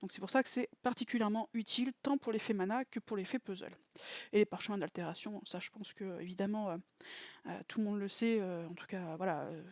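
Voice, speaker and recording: A woman with a fairly high voice talks through a game strategy in a relaxed, explanatory way. She pauses to recall details and drives home her cautions by repeating them. The sound is close and dry, with no room echo. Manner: stresses warnings with repeated emphatic cautions.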